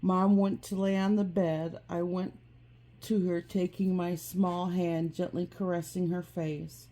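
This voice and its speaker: Slow, somber woman recalling her childhood. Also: fairly low pitch, flat delivery. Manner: slow, soft and somber, with occasional restarts. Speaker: personal storyteller. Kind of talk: first-person memoir narration.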